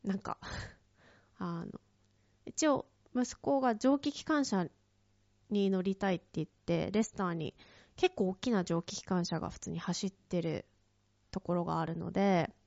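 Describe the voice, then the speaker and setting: A woman's voice: lowish voice, unhurried, gravelly, long pauses, darkish tone, no room sound. A woman telling a casual story in a chatty way, with many fillers, and acting out quoted lines in a raised voice. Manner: many fillers, frequent light laughs. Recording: dull lo-fi, dry close recording.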